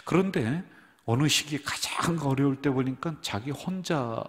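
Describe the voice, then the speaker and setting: A man's voice: mid-range voice, animated, measured pace, fairly bright tone. A middle-aged man preaching a sermon as pastor, speaking straight to the congregation and asking and answering his own questions. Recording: long reverb of a church hall.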